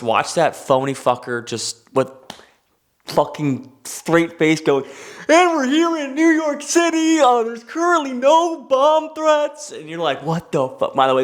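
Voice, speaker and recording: A young man hosting a comedy show, ranting in a stand-up style monologue, cursing freely and slipping into mock voices. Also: mid-range voice. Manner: animated, swearing, jumps into mock voices.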